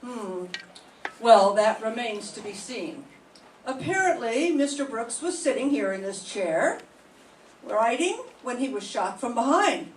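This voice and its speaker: In a radio drama class, an older woman student plays a calm, shrewd police inspector from a 1940s mystery, questioning with stern, probing deliberation. Her voice is fairly high, recorded in an echoey classroom from a distant mic with faint hiss.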